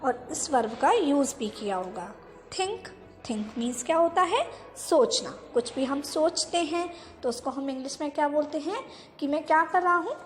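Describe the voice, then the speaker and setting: A woman teacher with a high voice leads children through English verbs. She says each word and its meaning again and again, spells them out slowly, and asks questions before answering them. The recording has a lingering reverb and soft music underneath. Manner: spells words out letter by letter slowly; addresses the class as children. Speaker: school teacher. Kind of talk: vocabulary lesson for children.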